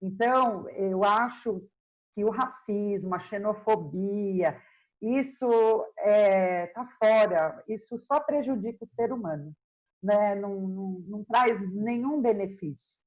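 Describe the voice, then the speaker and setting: Slow, earnest middle-aged woman. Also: medium pitch, highs cut off. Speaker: historian guest. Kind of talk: casual interview chat.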